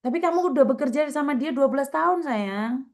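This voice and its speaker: Wanita beraksen Jawa, menenangkan dan mendesak. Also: female voice, sits high, expressive, fairly quick, darkish tone. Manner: soothing, urgent, repeats words. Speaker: host advising migrant workers. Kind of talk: emotional video call.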